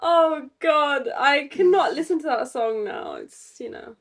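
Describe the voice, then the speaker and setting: A woman's voice: sits high, animated, unhurried. A young woman with a stuffy nose, co-hosting a casual podcast chat in an easygoing way with lots of laughter. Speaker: podcast co-host.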